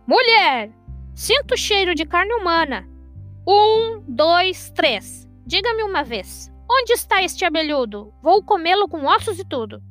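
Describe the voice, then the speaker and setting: A furious old giant roars his threats in a radio story, as a woman narrator puts him on. The voice is pushed up high and loud, a bellowing man-eater with faint music playing behind. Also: big pitch swings, a little slow, heavily acted.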